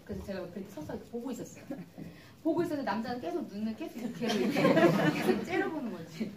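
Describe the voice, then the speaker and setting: A woman's voice: on the high side, expressive, quick pace, darkish tone, some chatter behind, slight background noise. A woman presenting and demonstrating skincare to an audience in a hall, chatty and acting out customer exchanges as she tells stories. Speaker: cosmetics business presenter. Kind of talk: live seminar demonstration and storytelling. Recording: echoey hall recorded from far off.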